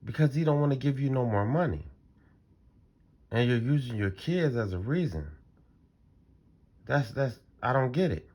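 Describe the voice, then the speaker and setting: A man's voice: medium pitch, expressive, normal speed, long pauses, a little mellow. A man hosting a reaction channel, talking casually and in disbelief about a clip he is watching. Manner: incredulous, repetitive, conversational.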